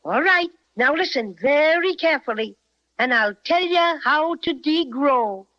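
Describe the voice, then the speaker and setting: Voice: high-pitched, animated, measured pace, bright, forceful tone, heavily acted. An actor playing a small, cheerful male teddy bear with an Irish brogue, chatty and polite. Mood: playful. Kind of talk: 1930s radio acting. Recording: dull old radio recording.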